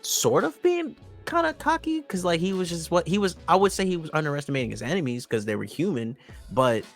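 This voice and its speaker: A man's voice: on the high side, very animated, brisk, creaky, soft background music. A man co-hosting an anime podcast, talking in a loose, rambling way with lots of restarts and fillers. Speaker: podcast co-host. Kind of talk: casual chat.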